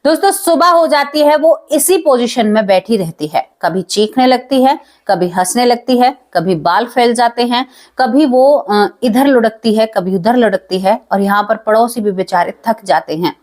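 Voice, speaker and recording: A woman tells a supernatural story in an emotive, dramatic way and keeps turning to her listeners as friends. Her voice sits fairly high. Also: moderate pace, a little mellow. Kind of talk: dramatic spoken story narration.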